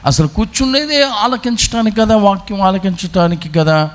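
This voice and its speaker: Brief: male priest, a little high-pitched, very animated, voices both people in his sermon story. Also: moderate pace. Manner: storytelling, acting out both sides of a dialogue. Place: retreat center.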